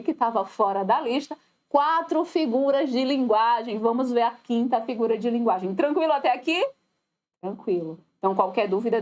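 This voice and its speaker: A woman's voice: fairly high pitch, darkish tone. A woman teaching a recorded online lesson with a Brazilian Portuguese accent, who talks straight to her students and acts out the voices she quotes.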